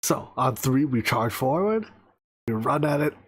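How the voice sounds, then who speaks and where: Husky-voiced man playing a tabletop game. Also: medium pitch, expressive, unhurried, dry recording, clean studio sound. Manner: loose, laughing, eager to charge in. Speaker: player. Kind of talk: tabletop game play over voice chat.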